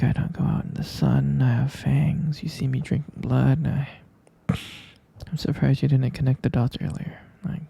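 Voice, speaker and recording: A man gives a full character voice as a sleepy, gentle vampire boyfriend in an ASMR bedtime roleplay, his breathy, gravelly half-whisper tender and hesitant. The pitch is medium and the recording dry.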